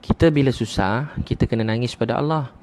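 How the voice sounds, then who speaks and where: A man gives a sermon in a mid-pitched voice, repeating key phrases for emphasis. He often drops in a short "ha" between thoughts, in a steady teaching manner. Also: a little fast. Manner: repetitive, gently emphatic teaching with frequent "ha". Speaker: preacher.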